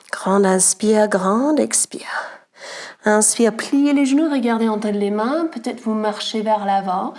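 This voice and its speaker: Slow-paced woman leading a yoga class. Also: medium pitch. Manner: calm cues timed to the breath, some lines whispered. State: has a cold, a little out of breath. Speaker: yoga teacher. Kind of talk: guided yoga class instruction.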